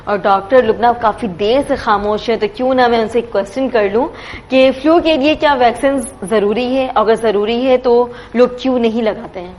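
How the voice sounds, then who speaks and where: A chatty woman hosts a talk show in a fairly high voice and often slips English phrases in. There is a faint hiss behind her in the studio. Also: few pauses, a little mellow. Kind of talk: casual chat.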